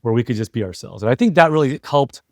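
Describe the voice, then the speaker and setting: A middle-aged American man, an entrepreneur and former CEO, is the guest in a casual conversational interview. He talks reflectively and at length, often checking for agreement, in an expressive, quick, medium-pitched voice with no echo.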